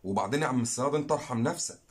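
A man's voice: medium pitch, racing. A man with an Egyptian Arabic accent, hosting a fishing channel and making an earnest, pleading direct-to-camera appeal, repeating phrases for emphasis.

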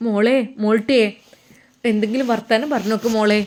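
A man's voice: sits high, fairly even intonation, brisk, lightly acted. A woman voicing a choked, grieving Malappuram father. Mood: anxious. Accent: Malappuram Malayalam. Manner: choked, pleading, quiet. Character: grieving middle-aged father, anxious, tearful.

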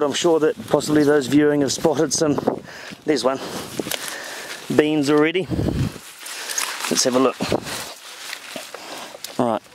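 An eager man talks as he wanders through a field outside, his voice a bit on the high side. He is recorded on a handheld camera, with faint outdoor noise behind him. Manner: enthusiastic, chatty, exclaiming. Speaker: farm advisor. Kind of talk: walking field talk. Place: outdoors in a tall crop field.

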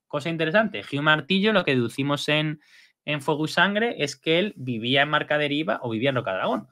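Lively, bright-voiced man, chatty. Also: fairly high pitch. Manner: chatty, lively, with frequent fillers and tag questions. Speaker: video host. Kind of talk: casual episode breakdown.

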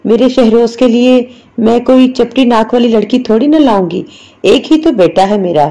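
Woman narrator voicing proud sharp-tongued mother, scolding, mellow low-toned voice, storybook reading. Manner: scolding, boastful.

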